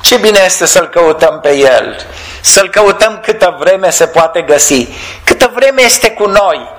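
A man preaching a sermon in a fervent, exclamatory way, drawing out key words slowly for weight. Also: sits high, lively intonation, a bit bright, poor audio.

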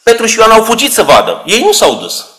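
A man's voice: high-pitched, huge pitch swings, bright, forceful tone. A man preaching a sermon, explaining scripture with rhetorical questions and shifting emphasis.

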